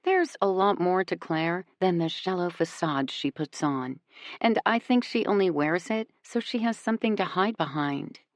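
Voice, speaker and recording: A woman narrating a first-person audiobook in a measured, intimate way. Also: fairly low pitch, no room sound, studio quality. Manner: measured and intimate, voicing each character.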